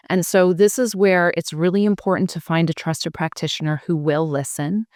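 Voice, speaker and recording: A woman's voice: low voice, darkish tone, no room sound, clean studio sound. A woman sleep coach giving earnest advice to parents in a podcast interview, now and then quoting them. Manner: earnest, advising parents, quotes them in voices.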